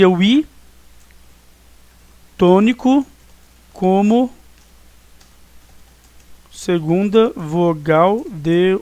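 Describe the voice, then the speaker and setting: A man's voice: high-pitched, darkish tone, dry recording. A man with a Brazilian Portuguese accent teaching a review class and checking in often with his students. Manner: explanatory, frequent "né?" and "tá?" check-ins. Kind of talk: recorded online class review.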